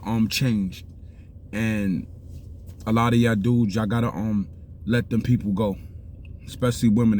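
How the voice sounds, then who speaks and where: A middle-aged vlogger from the South Bronx, New York, gives life advice in rambling street talk, repeatedly asking "you understand?" His Bronx-accented voice is lowish, dark and relaxed, with a light hiss on the recording.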